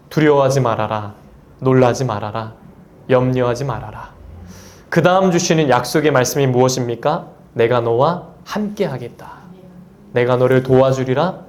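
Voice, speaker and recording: Earnest Korean pastor preaching. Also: male voice, mid-range voice, darkish tone. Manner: earnest preaching, quoting scripture, rising emphasis on key phrases. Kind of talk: sermon. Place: church sanctuary.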